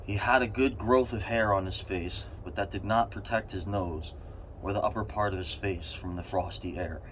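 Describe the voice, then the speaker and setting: A man with a low-pitched voice reads a story aloud. His delivery has strained bursts of emphasis. There is faint, steady noise behind him. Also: moderate pace, poor audio. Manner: strained bursts of emphasis, as if sitting in an ice bath. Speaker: reader of a short story. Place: in an ice bath.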